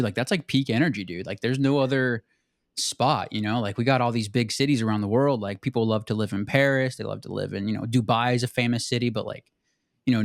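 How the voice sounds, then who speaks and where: A man's voice: medium pitch, dry recording. Laid-back young man, dry close sound. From southern Arizona. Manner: laid-back, says "dude" and "like" constantly. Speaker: podcast host. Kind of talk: casual conversation.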